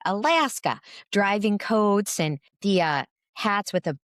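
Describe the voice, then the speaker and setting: A woman's voice: mid-range voice, expressive, takes it slowly, no room sound, studio quality. A woman co-hosting a podcast, telling a long story in casual chat with lots of fillers and restarts. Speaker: podcast co-host.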